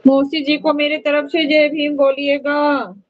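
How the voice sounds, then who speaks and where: High-voiced woman chatting on a lo-fi livestream. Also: little pitch movement, measured pace. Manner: chatty, addresses viewers as brother, coaxes and soothes small children. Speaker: singer chatting with viewers on a livestream. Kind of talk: casual live chat. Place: at home, with children nearby. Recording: dull lo-fi livestream audio with faint noise.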